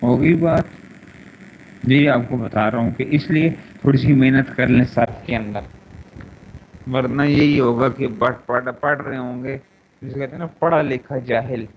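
A man with a Pakistani Urdu accent teaches grammar in an online class, repeating each word and conjugation slowly. His voice comes through a dull, lo-fi chat connection with a faint hiss behind it. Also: medium pitch, steady tone. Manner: repetitive, drilling word pronunciations and conjugations. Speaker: teacher of Arabic morphology. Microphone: internet voice chat room.

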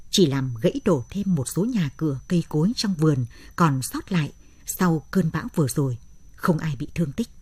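Brief: measured woman narrator for a late-night story, low-pitched and breathy. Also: mellow, dry recording.

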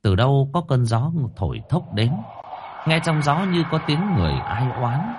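A man narrating a horror story in an expressive, dramatic way. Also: mid-range voice, moderate pace, noisy background.

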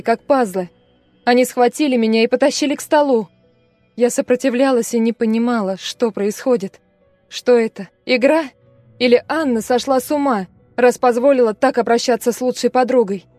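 A woman's voice: fairly high pitch, fairly quick, a little mellow, no echo, faint music behind, close to an everyday voice. A woman voicing a frightened young female student who recalls a terrifying night in a fragile, breathless way. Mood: shaken recounting.

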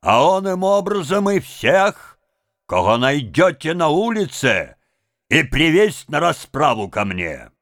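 Хвастливый пожилой сельский голова в исполнении мужчины-чтеца властно покрикивает, то опускаясь низко, то взвиваясь вверх. Говорит неторопливо, с нажимом. Запись сухая. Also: male voice, fairly high pitch, sing-song, slow pace, dry recording, studio quality, pitched above the performer's own voice, heavily acted. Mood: blustering angry. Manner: blustering, commanding shouts. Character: blustering older village head, bossy and fearful.

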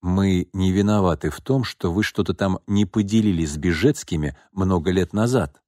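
A man's voice: sits low, normal speed, warm tone, dry recording, clean studio sound, close to an everyday voice. A man reading a story and voicing a stubborn young man who sounds tense and defiant. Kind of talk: audiobook reading.

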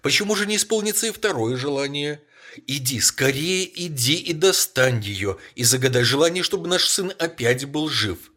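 A man with a husky voice voicing a frantic, grieving old woman who pleads in high, shrill bursts, in a storybook reading. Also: sing-song, moderate pace, few pauses, bright, forceful tone, exaggerated voice. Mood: desperate pleading. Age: older.

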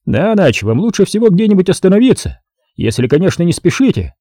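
A man's voice: sits high, very animated, warm tone, breathy edge, no room sound, studio quality, pitched above the performer's own voice, heavily acted. A man reading an audiobook voices a polite, watchful male police constable. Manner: polite, measured.

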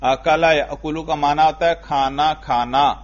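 A man's voice: a little high, fairly even intonation, dull audio. A man teaching a grammar class, patiently questioning students and praising their answers.

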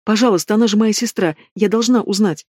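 A man's voice: high voice, quick pace, a little mellow, no echo, studio quality. A man voicing a frightened but defiant young woman in an audiobook, shaken and snapping back. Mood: pleading. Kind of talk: audiobook reading.

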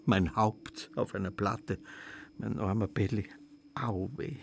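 A man playing a dead older shop owner in a literary radio drama. He broods and often sinks into hushed whispers. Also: on the low side, steady tone, takes it slowly, vocal fry, slight background noise. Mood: bitter.

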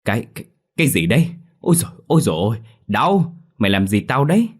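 A man voicing a brash, talkative young man who complains loudly and fast, in a spoken ghost story. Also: deep voice, expressive. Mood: whiny.

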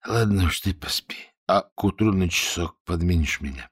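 A man voicing a simple-minded young soldier in an audiobook, tipsy and drowsy, talking in a slow, easygoing drawl. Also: mid-range voice, lively intonation, warm tone, slightly rough, no room sound, studio quality, voice pushed up.

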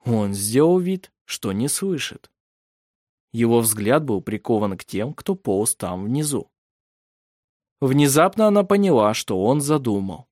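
A man narrates an audiobook with steady, measured drama in his reading. His voice sits at a middle pitch. The recording is dry and close, with no room sound. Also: no echo.

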